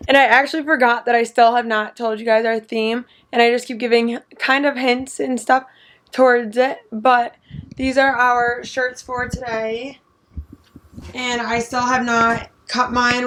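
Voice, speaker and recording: A young woman with a slightly high voice talks in a casual vlog style. She has a bubbly, gushing sorority-girl way of speaking, though her pitch stays fairly even rather than swooping. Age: young adult. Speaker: vlogger, sorority member.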